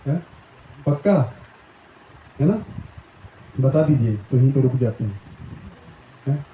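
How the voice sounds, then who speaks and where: A man leading a devotional scripture class, chanting Sanskrit verses slowly and then explaining them in conversational Hindi, often checking in with his listeners. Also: mid-range voice, lively intonation, dark tone, dull audio. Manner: asks the audience questions, acts out little voices. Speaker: Gita teacher. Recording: roomy echo, faint hiss.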